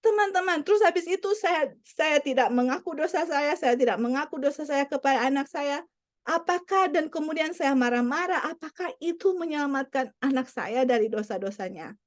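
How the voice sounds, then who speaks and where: A woman's voice: sits high, animated, normal speed. A woman preaching a sermon, earnest and repetitive, mixing English phrases into her teaching. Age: adult parent. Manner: earnest, repeats key points.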